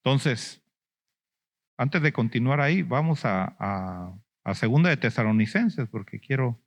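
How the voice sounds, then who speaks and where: A man's voice: mid-range voice, animated, a little slow. A man preaching a sermon as an apostle, questioning the congregation, prompting them with "mm?" and "ujú", and acting out lamenting believers in a whiny voice.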